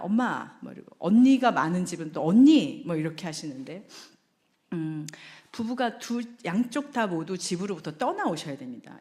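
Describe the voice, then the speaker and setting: Lively woman giving a church seminar talk. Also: mid-range voice. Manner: conversational, with rhetorical questions to the audience. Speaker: marriage seminar lecturer.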